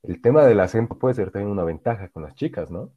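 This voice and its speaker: A man's voice: fairly low pitch, lively intonation, fast, mellow, breathy edge. A man from Bolivia chatting as a podcast co-host, earnest and reflective, often restarting his sentences. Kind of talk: casual chat. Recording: dull lo-fi sound.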